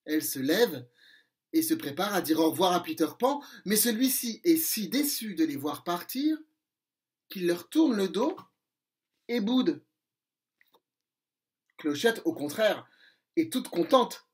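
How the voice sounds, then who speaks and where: A man reading a storybook aloud to children, slow and expressive. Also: sits high.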